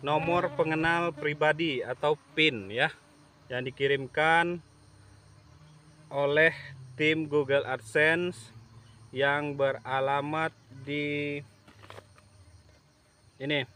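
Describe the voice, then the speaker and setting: A man talking casually to camera in a vlog outdoors at a plantation, slow and halting with many fillers. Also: on the high side, steady tone, sharp tone, a little hiss or hum. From Indonesia. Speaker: YouTube channel owner. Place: outdoors at an oil palm plantation. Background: insects and rural outdoor ambience.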